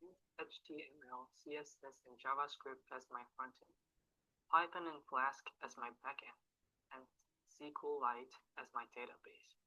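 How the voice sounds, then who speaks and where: Casting: teen boy from Taiwan, bright crisp voice, scripted project demo. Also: mid-range voice, moderate pace, low-quality recording. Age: teens. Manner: scripted, even, reading through steps. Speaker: student presenting a project. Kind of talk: recorded project demo narration.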